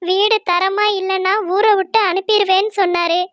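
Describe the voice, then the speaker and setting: A woman's voice: extremely high pitch, little pitch movement, normal speed, no room sound, dull audio. A woman voicing Laila, a hardworking, honest young female crow who builds houses in a cartoon story. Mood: distressed. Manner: earnest, pleading.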